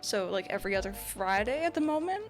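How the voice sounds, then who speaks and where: A woman of middling pitch co-hosting a relaxed livestream podcast. She laughs easily and fills her speech with ums and likes. Soft music runs faintly underneath. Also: quick pace. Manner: giggly, many ums and likes. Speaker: co-host streamer. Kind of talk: casual stream chat.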